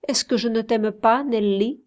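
A woman's voice: a little high, measured pace, close to an everyday voice. A woman reading as a brooding old grandfather. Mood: tender. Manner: pensive, murmuring.

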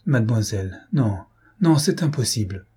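A man's voice: mid-range voice, lively intonation, normal speed, warm tone, slightly rough. A man reading aloud and voicing a devoted older governess who pleads in a trembling voice. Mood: imploring. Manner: trembling, imploring.

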